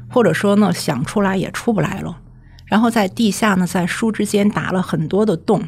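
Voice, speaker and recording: A woman professor guesting on a podcast, talking in a measured, thoughtful way and reaching for metaphors. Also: fairly low pitch. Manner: measured, thoughtful, full of metaphors and pause words. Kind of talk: casual chat.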